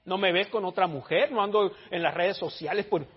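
Blunt high-voiced pastor preaching. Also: male voice, a little fast, highs cut off. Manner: blunt, teasing, calls out the congregation. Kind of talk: sermon. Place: church.

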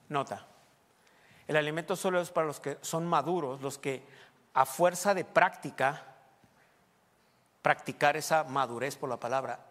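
A man's voice: fairly high pitch, a bit bright. Man preaching in an echoing church. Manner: teaching, repeatedly pointing listeners to the text. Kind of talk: sermon. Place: church sanctuary. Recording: long reverb of a church hall.

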